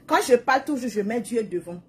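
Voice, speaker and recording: A woman's voice: fairly high pitch, lively intonation, a little fast, a little hiss or hum. A woman talking to her followers in a live video, emphatic and repetitive, drifting into prayerful preaching. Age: adult, mother of children. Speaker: social media livestreamer. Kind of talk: casual live video monologue.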